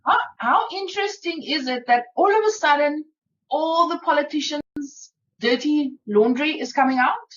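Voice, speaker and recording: A woman's voice: high voice, moderate pace, a bit bright. A woman co-hosting a podcast, chatting casually and thinking aloud with hesitant restarts. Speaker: podcast co-host. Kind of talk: casual chat. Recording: dull lo-fi sound with faint noise.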